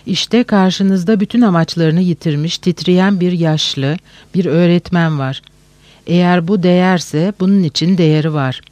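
A man's voice: sits high, a little slow, a little mellow, no echo. A man voicing a feverish, tearful old male teacher who pours out pleading, repetitive speeches. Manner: pleading, breathless outpouring with repetitions.

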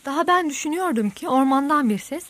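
A woman narrates an audiobook in a steady, measured manner. Her voice sits fairly high, recorded close and dry with no room sound. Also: no room sound. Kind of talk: audiobook reading.

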